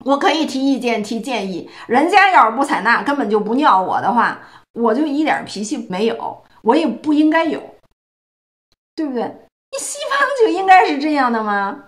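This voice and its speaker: A woman's voice: sits high, big pitch swings, moderate pace. A woman from China giving a solo political commentary, emphatic and full of rhetorical questions. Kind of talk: solo opinion monologue.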